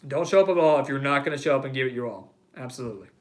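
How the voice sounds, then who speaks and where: A man's voice: mid-range voice, racing. A man hosting a live sports talk stream, reading viewer comments and ranting heatedly, repeating phrases for emphasis. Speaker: host of a live sports show.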